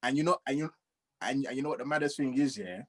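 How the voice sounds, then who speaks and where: A man's voice: medium pitch, fast. A young man co-hosting a casual podcast chat, joking and acting out quotes. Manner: lively, joking, acts out quotes. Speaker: podcast co-host.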